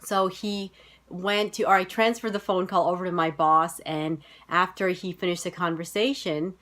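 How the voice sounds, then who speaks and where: This US vlogger, a woman in her thirties, talks to camera about her own life in a General American accent. Her fairly low, slightly bright voice moves at a moderate pace with fairly level intonation, and her chatty delivery leans heavily on fillers like "like" and "you know."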